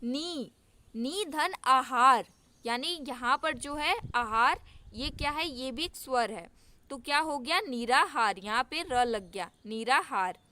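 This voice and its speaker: A woman teaching a grammar lesson, explaining step by step, asking and answering her own questions and repeating examples slowly. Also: high-pitched, expressive, sharp tone, smooth.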